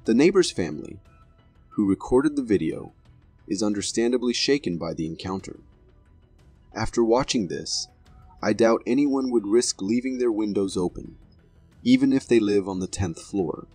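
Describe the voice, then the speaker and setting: A man narrates a video compilation from a script in a fairly low, husky voice. His delivery is formal and dramatic. The voice is recorded very dry, with faint music underneath. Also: expressive, moderate pace, darkish tone, no echo.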